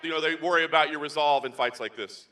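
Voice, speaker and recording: A man's voice: a little high, fairly even intonation, quick pace, sharp tone. A man working as a reporter, putting questions at a press conference. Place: large press conference venue. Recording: noisy hall microphone.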